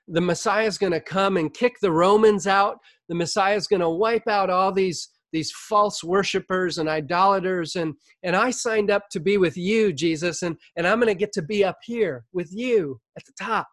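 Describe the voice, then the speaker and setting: A man voicing an impulsive, eager male disciple who talks in an excited, pleading way. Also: high-pitched, normal speed, hardly any pauses, no room sound, pitched above the performer's own voice, close to an everyday voice.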